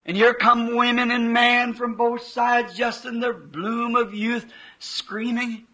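A preacher man tells of a vision with fervor, his speech folksy and unpolished. His voice sits very high for a man and comes out bright, and he takes his time between phrases. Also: little pitch movement, takes it slowly, low-quality recording. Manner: fervent storytelling with folksy grammar. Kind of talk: sermon recounting a vision.

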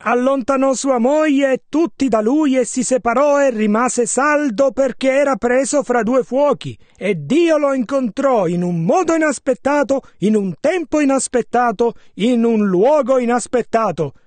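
A man voices a translation of a sermon, rendering each passage in steady, measured phrases. His voice is very high. The recording is dry and close, with no room sound. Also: no echo. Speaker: sermon interpreter.

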